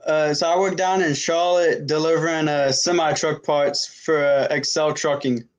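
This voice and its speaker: A man calling in over a video call, his audio glitching and robotic, talking in a halting way with many fillers. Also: fairly high pitch, flat delivery. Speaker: call-in guest. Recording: dull, lo-fi glitchy internet call with faint guitar music.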